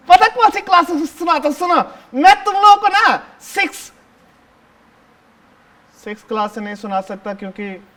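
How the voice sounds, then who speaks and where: A male actor does a one-man stage play as a talkative seventh-grade schoolboy, speaking to the audience live in a very high-pitched voice. The mood is chatty. He bosses and shushes his classmates and fawns over his teacher, repeating "sir" constantly.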